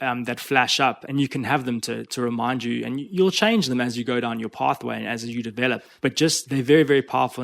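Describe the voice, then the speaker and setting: A man's voice: mid-range voice, gravelly. A man who works as a coach, guest on a podcast interview, talking in an earnest, motivational way and often repeating words as he thinks. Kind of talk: conversational interview.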